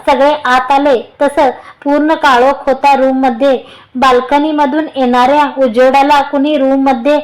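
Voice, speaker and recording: A woman storyteller giving steady, plain scripted narration of a serialized romance. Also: sits high, poor audio.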